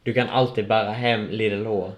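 A man's voice: on the low side, fairly even intonation, roomy sound. Teasing young man in crude banter. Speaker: podcast co-host. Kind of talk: casual chat among friends.

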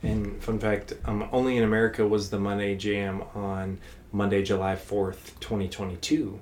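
A man with a lowish voice talks through a casual podcast chat, wandering through his points with plenty of "you know" and "um". There is a faint hiss of background noise on the recording. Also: flat delivery, normal speed, darkish tone. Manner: rambling, many fillers and restarts. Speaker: podcast co-host.

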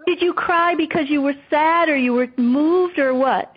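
A woman guest author telling a personal story in an interview, animated and acting out the voices she quotes, on dull lo-fi audio. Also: high voice, normal speed.

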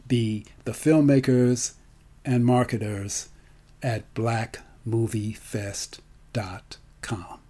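A storyteller and film festival organizer promotes his work in a live, unscripted talk, drawing out and repeating key words for emphasis. His medium-pitched voice is relaxed and mellow, and he speaks slowly and deliberately.

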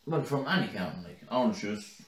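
A man with a low-set but lively voice, co-hosting a casual podcast. He teases, swears and laughs easily. He sounds a little distant from the mic, in a room with noticeable echo. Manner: teasing, swearing, quick laughs. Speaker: podcast co-host.

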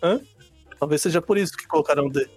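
A man on a podcast, reasoning dryly and deadpan in casual chat. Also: a little high, fast, breathy edge, faint music behind. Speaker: podcast co-host.

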